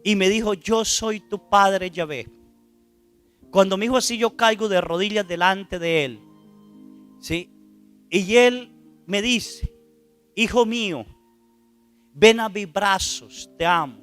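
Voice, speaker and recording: A male priest preaches with a high, bright, smooth voice. He retells a story dramatically, rising to loud cries and pausing to quiz his listeners. Soft music plays faintly underneath. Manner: asks the audience rhetorical questions. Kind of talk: sermon storytelling.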